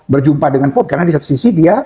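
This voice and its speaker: A male pastor, a guest in an interview, telling an anecdote in an animated, excitable way, often exclaiming and shifting his pace for effect. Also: on the high side, rapid-fire. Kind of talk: animated storytelling in a conversational interview.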